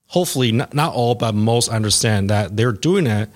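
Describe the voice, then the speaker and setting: A man in his forties walks through his career in a casual interview, halting often with fillers and restarts. His voice is fairly low and animated.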